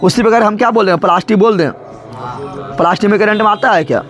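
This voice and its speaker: A man's voice: sits high, fast, a bit bright, soft background music. A male teacher, teaching a class in a colloquial style, repeatedly asking questions and answering them himself. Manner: repetitive call-and-response questioning, colloquial. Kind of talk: classroom lesson.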